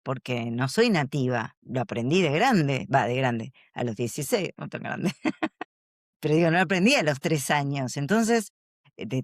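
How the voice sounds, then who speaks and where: A woman, a communication coach answering interview questions in an animated, storytelling way. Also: deep voice, dry recording, studio quality.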